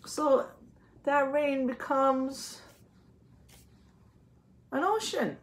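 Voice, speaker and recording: Reading a picture book aloud to young kids, this woman teacher explains as she goes, breaking off to ask questions and confirm replies. Her voice sits high, and the setting is noisy.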